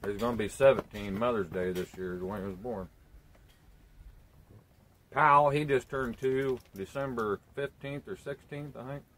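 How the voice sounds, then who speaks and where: Sitting on a sunny porch, a man in his thirties who vlogs about homesteading rambles in easygoing, plain country talk. A camera on a tripod a few feet off records him. His medium-pitched voice is measured and a bit bright, with slight hiss or hum.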